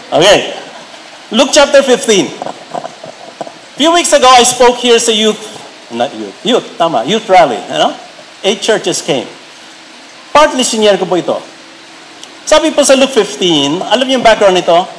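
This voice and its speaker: A middle-aged Filipino pastor preaching a sermon, mixing Tagalog and English and rising to emphatic peaks. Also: male voice, high-pitched, sing-song, normal speed, a little hiss or hum, poor audio. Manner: switches between Tagalog and English, builds to raised emphatic peaks.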